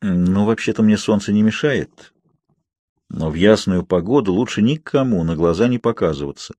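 A male audiobook reader voicing a secretive young man, speaking low and measured. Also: dark tone, no room sound, lightly acted. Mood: calm. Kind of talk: audiobook reading.

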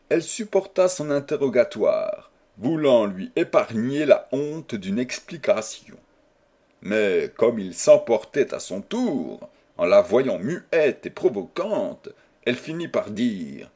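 Male audiobook narrator, measured literary reading. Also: mid-range voice, mellow, slightly rough. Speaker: audiobook reader.

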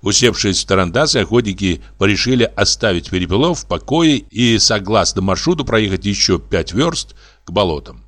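Guy reading a funny story aloud, bouncy animated voice. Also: fairly low pitch, normal speed. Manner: lively, expressive storytelling. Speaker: narrator. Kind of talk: audiobook reading of a comic story.

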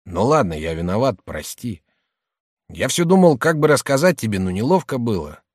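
Man doing a gruff, blustering shopkeeper. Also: medium pitch, sing-song, moderate pace, no echo, studio quality. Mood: placating. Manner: gruff, by turns placating and bullying. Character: rough, boastful male shopkeeper, middle-aged, blustering.

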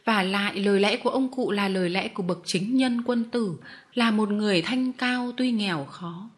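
A gentle, gracious lady and mother from a storybook, as a woman reading the story voices her. She speaks softly and reasons patiently, at an ordinary pitch, and sounds kindly throughout. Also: moderate pace, natural voice.

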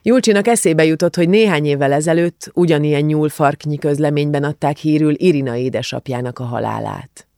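Hungarian guy narrating a novel, gravelly voice, super dry close mic. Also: a little high, few pauses, mellow, dry recording. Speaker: audiobook narrator. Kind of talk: scripted narration.

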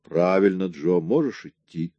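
A man's voice: sits low, animated, a little slow, dry recording, muffled recording. A man voicing a wry, cocky male police detective who keeps pressing with mocking questions. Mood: smug.

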